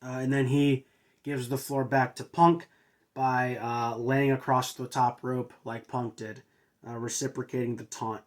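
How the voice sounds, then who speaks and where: A man at a mid-range pitch, casually recapping events for his own review show. He talks in a halting, unpolished way, filling gaps with uhs and restarting sentences. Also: level tone. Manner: hesitant, filler-heavy with frequent uhs and restarts. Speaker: wrestling show reviewer and host.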